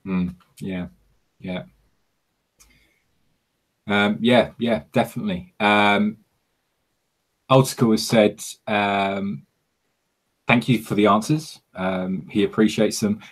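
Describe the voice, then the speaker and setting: A man hosting a casual livestream Q&A, talking haltingly with many ums and restarts. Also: on the low side, steady tone. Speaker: host of a livestream Q&A. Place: home in South Korea.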